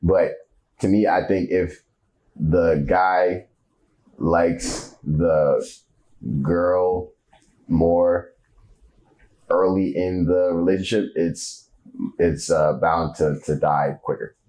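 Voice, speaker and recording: Low-voiced teasing man, casual podcast chat. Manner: teasing, quick to laugh, swings from high excited to low mutter. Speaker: podcast co-host.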